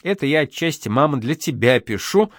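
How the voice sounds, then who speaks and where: A man reading old letters and telegrams aloud, with expressive, animated intonation. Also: mid-range voice, a little fast, dry recording, studio quality. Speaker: reader.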